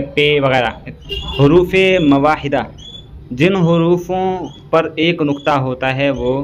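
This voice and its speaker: A male teacher giving an exam-prep grammar lesson. He recites long lists item by item at an even pace and keeps checking in with a quick "okay". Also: on the high side, a little hiss or hum.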